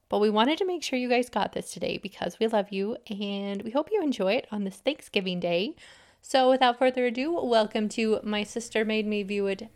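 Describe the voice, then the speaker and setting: A woman co-hosting a podcast, chatting casually and playfully with her sister. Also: on the high side. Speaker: podcast co-host. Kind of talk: casual chat.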